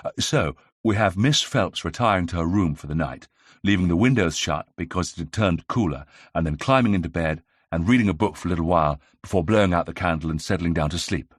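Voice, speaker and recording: A man voicing a young 1920s gentleman amateur detective in an audiobook, brisk and self-assured as he theorizes. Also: deep voice, husky, no echo, clean studio sound. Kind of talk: audiobook character reading.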